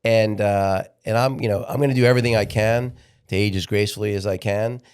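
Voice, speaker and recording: A man's voice: fairly low pitch, fairly even intonation, a little mellow, smooth. A man of sixty, a podcast guest talking candidly in a casual interview, often restarting his sentences. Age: 60s. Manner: candid, halting, repeats words when restarting.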